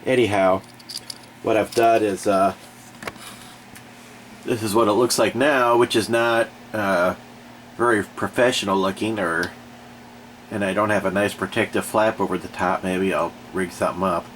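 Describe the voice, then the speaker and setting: A stuffy-nosed man with a cold reviews and repairs a generator inside his garage, chatting in a folksy, rambling, mildly aggravated manner. His voice is lowish and a bit bright with fairly even intonation, moderate pace and long pauses, recorded by an off-screen camera mic with slight background noise.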